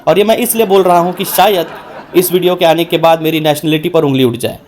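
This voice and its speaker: A young man performs a stand-up comedy set, speaking fairly quickly and acting out characters with big, animated shifts in pitch. There's slight background noise.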